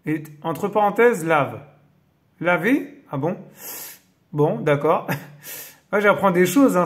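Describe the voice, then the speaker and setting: Reading scripture aloud for his Bible-teaching videos, this fairly high-voiced man keeps interrupting himself with amazed exclamations. His casual commentary gets hesitant and filler-heavy whenever he explains.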